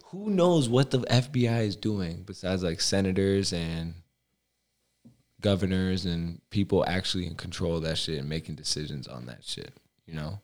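A man's voice: sits low, normal speed. A young man from Albania in casual chat, rambling with lots of fillers and swearing.

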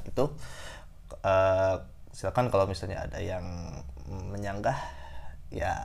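A man's voice: on the low side, darkish tone. A young man talking casually to his listeners, giving his own opinions with many fillers, restarts and repeated phrases. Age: young adult. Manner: hesitant, many fillers and self-corrections; repeats key phrases for emphasis. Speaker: podcaster sharing opinions. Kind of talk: casual monologue.

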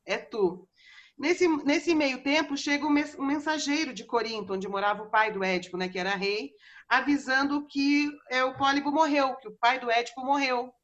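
Chatty woman host, casual retelling, fairly high voice. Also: moderate pace, a bit bright, highs cut off. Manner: chatty, many fillers like né and tal. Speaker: podcast host. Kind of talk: casual storytelling.

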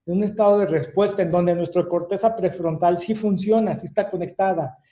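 A man's voice: sits high, fairly even intonation, brisk, dark tone. A man with a Mexican accent giving an online lecture. He explains things step by step and often adds fillers and little tag questions. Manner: explanatory, with many fillers and rhetorical tags.

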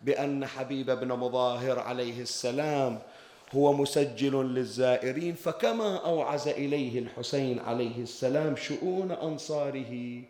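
A man preaching a Muharram mourning sermon in a mourning hall. He puts questions to the gathering and swells into loud lament. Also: mid-range voice. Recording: echoey hall.

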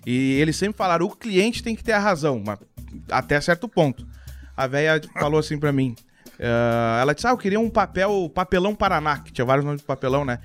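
Podcast host, brisk storyteller, fairly high voice, faint music under it. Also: male voice. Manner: fast, animated storyteller imitating voices. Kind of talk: casual storytelling chat.

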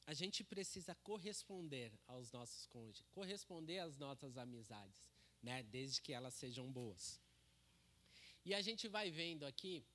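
Man, casual joking sermon, bright voice. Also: a little high. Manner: joking, chatty, with many tag questions. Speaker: preacher. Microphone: handheld microphone.

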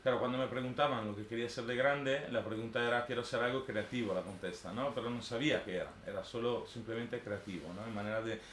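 Talking fast with few pauses, a man in his thirties delivers an informal, unscripted personal talk in a medium-pitched, fairly bright voice. He is an artist from northern Italy, a native Italian speaker with an Italian accent, and he rambles hesitantly, tagging phrases for agreement. The recording has room echo and faint background noise.

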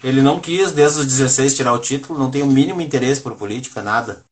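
A man's voice: medium pitch, fast talker. Chatty man in his forties. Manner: relaxed, chatty, brief agreements. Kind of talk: casual conversation.

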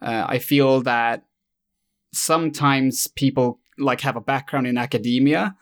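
A man talks through ideas in a relaxed conversation, his voice sitting at an ordinary pitch. He pauses and restarts often as he thinks aloud. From Sweden. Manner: hesitant, self-correcting, thoughtful. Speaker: YouTube creator and host. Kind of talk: casual conversation.

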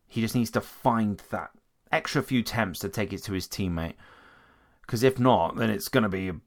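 A man's voice: lowish voice, fairly bright tone. A man giving casual, opinionated commentary on racing drivers, talking conversationally with frequent restarts. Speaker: motorsport commentator.

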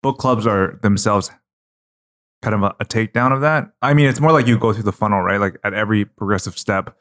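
A man's voice: fairly low pitch, fairly quick, fairly bright tone. A man co-hosting a podcast from his kitchen table, thinking aloud with frequent restarts and hedges. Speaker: podcast co-host. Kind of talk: casual chat.

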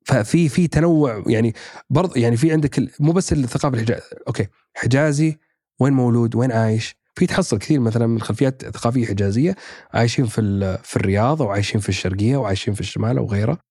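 A mid-range, dark-toned male voice talks very fast in casual podcast chat. The speaker, an actor and writer from Saudi Arabia, thinks aloud, full of fillers and restarts. The studio sound is clean, with no room sound.

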